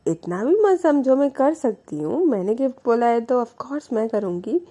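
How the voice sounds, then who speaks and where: A woman's voice: fairly high pitch, very animated, normal speed, dark tone, voice pushed up. Woman doing a teasing young woman in love. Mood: insistent. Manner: teasing, protective, affectionate.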